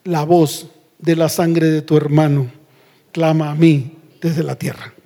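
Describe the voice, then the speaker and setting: A stern, solemn God pronounces judgment in a low, slow, grave voice, put on by a preacher mid-sermon. It is delivered with the weight of a pulpit reading, unhurried and heavy. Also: male voice, flat delivery, warm tone, long reverb tail.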